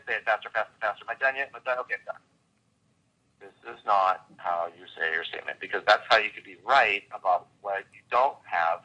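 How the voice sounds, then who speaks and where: A man coaching a guest on a call, talking with lively enthusiasm and vivid imagery. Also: fairly low pitch, low-quality recording. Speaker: host and coach.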